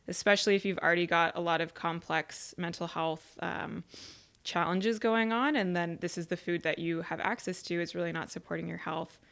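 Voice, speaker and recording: Young woman on a podcast, chatty and easygoing, lots of likes, smooth clear voice a bit low. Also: a bit bright. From rural Ontario, Canada. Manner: chatty and open, many "like" fillers. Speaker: podcast guest, charity community manager. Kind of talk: casual interview chat.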